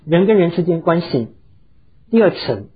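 A man's voice: fairly high pitch, sing-song, normal speed, breathy edge, highs cut off. A pastor preaching a sermon, earnestly telling stories and slipping English words into his talk. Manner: earnest, heartfelt storytelling.

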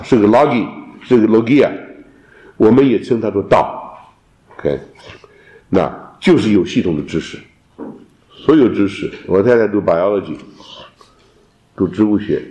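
A man teaching a theology class, lecturing in an animated way and dropping in English terms. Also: on the low side. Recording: roomy echo.

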